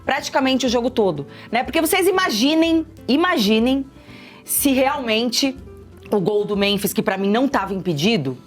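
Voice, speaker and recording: A woman talks through a football match on a studio panel, her voice sitting a little high. She hammers her points home by repeating them. Faint music runs softly in the background. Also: lively intonation, moderate pace. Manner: emphatic, repeats points for stress. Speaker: sports commentator. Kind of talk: casual sports panel chat.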